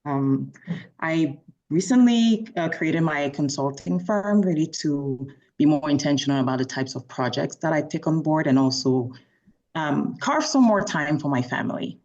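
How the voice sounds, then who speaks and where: A woman from Cameroon, introducing herself on a video call in a measured, orderly way. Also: low-pitched, expressive, darkish tone. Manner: measured, orderly, lists her skills. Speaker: management consultant, call participant. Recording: dull lo-fi call audio.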